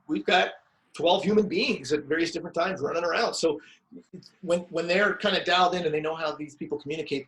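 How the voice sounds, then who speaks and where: A man in casual conversation about his staff, animated and emphatic, acting out quotes. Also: a little high, low-quality recording. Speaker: business owner discussing team coaching.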